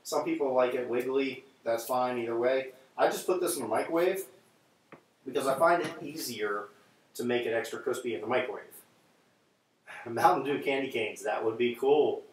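A man's voice: mid-range voice, moderate pace, recorded from a distance. A man chatting casually with viewers while he cooks on a livestream, his voice ringing with an echoey, cave-like sound. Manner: chatty, talks to viewers while fiddling with audio settings. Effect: echoey, cave-like room sound. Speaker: livestream host cooking breakfast. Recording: roomy echo, off-mic, faint noise.

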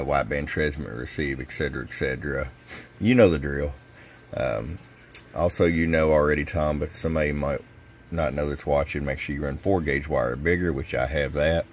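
A man with an extremely deep voice talks through a radio tune-up at his workbench. He is casual and folksy, speaking straight to a customer. A faint hum of the shop sits behind him. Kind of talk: casual product demonstration.

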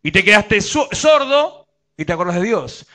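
A man's voice: high voice, very animated, moderate pace, bright, forceful tone. A male pastor with a Rioplatense Spanish accent preaching a sermon and asking his congregation questions.

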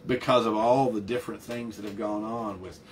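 A man's voice: fairly low pitch, steady tone, brisk, slight background noise. A man preaching a sermon as pastor, earnest and emphatic, often restarting and repeating words as he builds a point.

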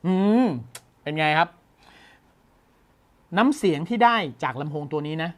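A man's voice: fairly high pitch, lively intonation, a little slow, a bit bright, faint music behind. A man hosting a tech news show, explaining a gadget in a casual, enthusiastic way and exclaiming often.

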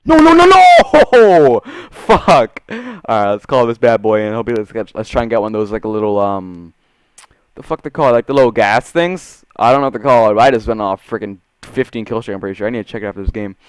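A young man doing casual, profane video game commentary in slangy gamer bro talk, swinging between muttering and excitement. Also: on the low side, fast, clear, resonant tone, no echo. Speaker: gaming video creator.

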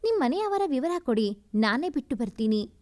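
An earnest, protective young man speaks up in a storybook reading, as a woman narrator voices him in her own high, bright register. His lines come out steady and reassuring, and they barely leave the narrator's natural voice. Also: normal speed.

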